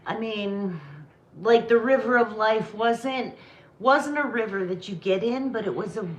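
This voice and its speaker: A woman's voice: a little high, measured pace, roomy sound, highs cut off, slight background noise. A tipsy woman co-hosting a casual late-night faith chat, teasing and laughing often. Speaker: podcast co-host.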